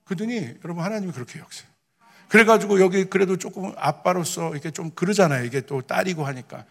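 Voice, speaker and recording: A middle-aged male pastor preaching a sermon, telling personal stories and moving from hushed asides to shouted proclamation. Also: high-pitched, quick pace, gravelly, big-room sound.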